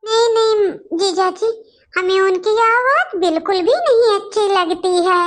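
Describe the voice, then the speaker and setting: A woman's voice: very high voice, unhurried. A woman voicing a clingy little boy in a family cartoon, whining and pleading. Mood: whiny. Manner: whiny, pleading.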